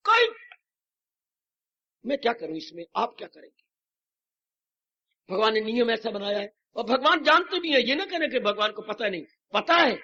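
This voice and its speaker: A man's voice: very high-pitched, lively intonation, moderate pace, pauses often, bright, forceful tone. A man, a swami, giving a devotional sermon with emphatic rhetorical questions and English phrases mixed in, on an old lo-fi tape recording. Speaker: swami preacher. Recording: dull lo-fi 1990s tape recording.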